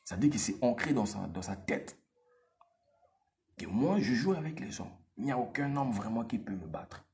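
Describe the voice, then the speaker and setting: A man's voice: mid-range voice, moderate pace. A man giving casual dating advice straight to the viewer, repeating himself and using street slang. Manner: animated, repetitive, street slang, addresses viewer directly.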